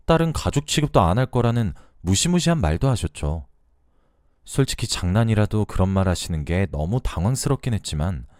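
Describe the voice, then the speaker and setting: A man's voice: mid-range voice, a little mellow, no room sound, studio quality. A man narrating a first-person story in a confiding storytelling manner.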